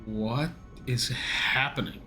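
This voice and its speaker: A man's voice: medium pitch, slow pace, bright, forceful tone, soft background music. A man giving casual reaction commentary, slangy, exclamatory and freely swearing. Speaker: reaction video host.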